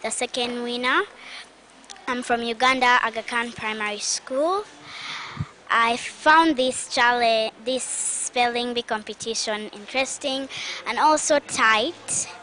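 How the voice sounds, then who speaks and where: A woman being interviewed as a contestant, speaking haltingly with restarts. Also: on the high side, pushed and bright, slight background noise. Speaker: spelling bee contestant. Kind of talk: interview answer.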